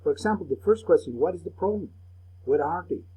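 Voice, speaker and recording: A man's voice: a little high, lively intonation, moderate pace, warm tone, breathy edge. A man teaching a recorded remote lesson, patiently explaining step by step and repeating phrases for pupils to echo.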